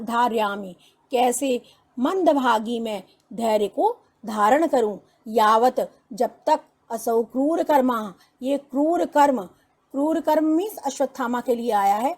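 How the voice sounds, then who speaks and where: A woman teacher with a high, darkish voice gives a line-by-line Sanskrit translation lesson. She reads each Sanskrit line, then slowly explains it in Hindi, calling her students children.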